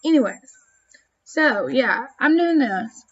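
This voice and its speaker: Woman, high voice, rambling profane storytelling, dull lo-fi audio. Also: expressive, slow, breathy edge. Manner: profane, rambling, self-conscious on camera. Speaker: vlogger. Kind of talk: casual storytelling vlog.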